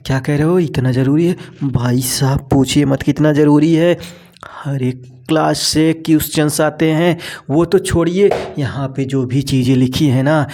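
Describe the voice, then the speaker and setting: Brief: male biology tutor, slightly high voice, repetitive question-and-answer drilling. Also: a little mellow. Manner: repeats key terms, asks and answers own questions; talks to students as "bhai sahab" and "beta". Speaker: biology teacher. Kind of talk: exam-prep lecture.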